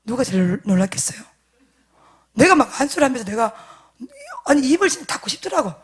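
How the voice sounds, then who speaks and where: High, lively woman pastor preaching. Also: fairly quick, breathy edge. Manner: animated and emphatic, dropping to hushed asides; addresses the congregation directly, seeking agreement. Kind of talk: sermon storytelling.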